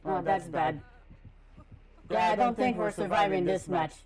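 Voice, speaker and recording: High-voiced excitable male game streamer. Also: measured pace. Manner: excitable, jokey, loud outbursts. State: sleepy. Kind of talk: live gaming commentary.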